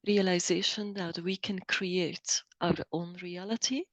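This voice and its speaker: A middle-aged woman from Belgium, speaking as an interview guest, thoughtful and hesitant with many pauses and restarts. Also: on the low side, fairly even intonation, a bit bright, no room sound. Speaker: guest, coach. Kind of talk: interview conversation.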